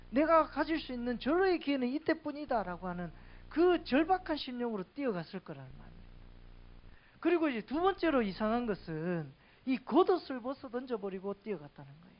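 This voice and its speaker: A woman's voice: on the high side, lo-fi sound. A woman preaching a sermon in a conversational way, asking the congregation questions.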